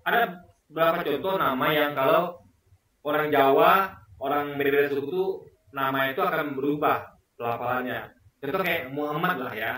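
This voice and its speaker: A man's voice: a little high, normal speed, fairly bright tone, heavy reverb, distant mic. A man talking casually as a video commentator, rambling and repeating words while he searches for examples. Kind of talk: casual commentary on a debate clip.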